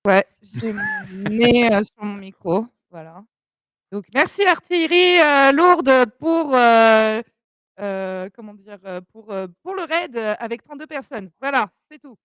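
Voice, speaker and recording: A woman's voice: medium pitch, lively intonation, a little slow, dry recording, studio quality. A woman co-hosting a live stream, chiming in briefly with thanks and remarks. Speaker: stream co-host. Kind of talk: casual live stream chat.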